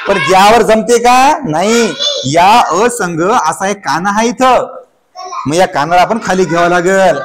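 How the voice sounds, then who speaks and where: A woman teacher in a classroom drills young pupils and keeps firing questions back at them. She spells each word out one letter at a time, pitched in the middle range. A faint hiss of noise runs underneath. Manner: quizzing the class with call-and-response questions. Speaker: primary school teacher.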